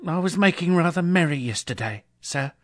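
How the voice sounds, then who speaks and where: A man's voice: fairly high pitch, lively intonation, moderate pace, no room sound, studio quality, pitched above the performer's own voice, natural voice. A man doing a timid pleading clerk. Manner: pleading, apologetic. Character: timid young male clerk, apologetic.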